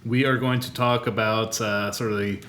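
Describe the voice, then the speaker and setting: A man's voice: on the low side, level tone, moderate pace, fairly bright tone. A man hosting a podcast in casual chat, easygoing and laughing with his brother. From Canada. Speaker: podcast host.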